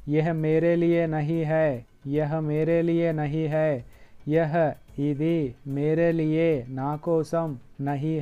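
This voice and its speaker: Slow, deliberate male Hindi teacher. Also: a little high, smooth, muffled recording. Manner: repeats each phrase slowly and deliberately. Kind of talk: slow language lesson, repeating phrases.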